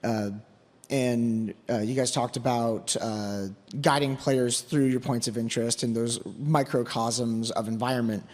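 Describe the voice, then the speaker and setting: A man from Michigan with a mid-range voice asks a question from the audience. He stops often and fills his pauses with uh. The room around him is a hall with a long reverb. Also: mid-range voice, fairly even intonation, a little mellow. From Ann Arbor, Michigan. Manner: halting, many uhs. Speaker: audience member asking a question.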